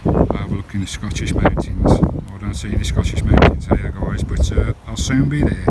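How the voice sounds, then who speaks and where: With a fairly low voice and a moderate pace, a British vlogger gives a casual, hands-on commentary outdoors around his campervan. He talks informally and regularly calls his viewers "guys." His handheld recording is full of wind and loud background noise.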